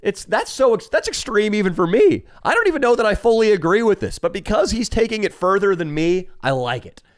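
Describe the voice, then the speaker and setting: Male podcast co-host, lively swooping pitch, dry close sound, mock-grandiose comic rants. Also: brisk, hardly any pauses, no echo. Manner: mock-pompous ranting, crude jokes. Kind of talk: casual comedic podcast banter.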